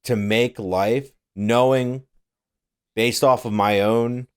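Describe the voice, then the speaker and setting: A man's voice: mid-range voice, steady tone, slow pace, clear, resonant tone. A young man co-hosting a casual podcast, rambling through his thoughts, swearing a lot and laughing often. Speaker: podcast co-host. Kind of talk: casual chat.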